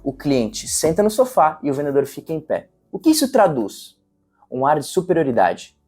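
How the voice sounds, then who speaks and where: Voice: mid-range voice, sing-song, moderate pace, darkish tone, husky, faint music behind. A sales trainer giving an instructional video talk, explaining techniques step by step and restating points.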